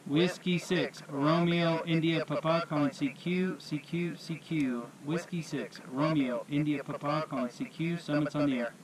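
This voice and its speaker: A man making a ham radio call from a summit, spelling his call sign in phonetic alphabet in a measured, repeating way. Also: fairly high pitch, steady tone, a loud crowd, rough recording. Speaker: portable ham radio operator. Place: outdoors on a mountain summit.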